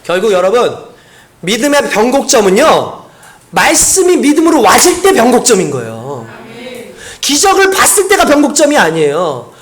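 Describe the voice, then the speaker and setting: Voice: mid-range voice, huge pitch swings, moderate pace. A pastor preaching a sermon in a conversational, storytelling way, with frequent rhetorical questions to the congregation.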